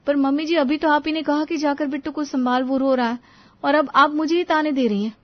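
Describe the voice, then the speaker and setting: A worn-out young mother, voiced by a woman in a cartoon tale, pushing back at her in-laws in exasperation. Her voice is high and the recording sounds muffled and lo-fi. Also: fairly even intonation, a little fast, natural voice. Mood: pleading. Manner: protesting, exasperated. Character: tired young mother, put-upon daughter-in-law.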